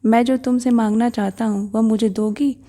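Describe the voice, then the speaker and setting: A woman's voice: fairly high pitch, steady tone, moderate pace, mellow, natural voice. A woman voicing a drunken, greedy, abusive husband in a read-aloud story, coaxing and then harsh.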